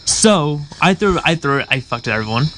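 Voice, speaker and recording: A young man hosting a casual podcast, speaking haltingly with frequent restarts. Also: on the high side, lively intonation, a bit bright, a little hiss or hum, rough recording. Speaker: podcast host. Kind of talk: casual chat.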